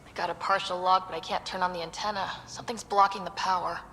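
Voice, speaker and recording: Brisk woman soldier in a video game. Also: fairly low pitch, steady tone, pushed and bright, slight background noise. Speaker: game character, squad member. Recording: video game audio with long reverb.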